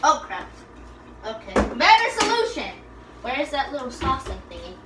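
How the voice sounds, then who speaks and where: A woman's voice: sits high, sing-song, normal speed, very noisy. A young woman chatting casually while cooking, telling a story in a rambling way and often correcting herself. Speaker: cooking vlogger.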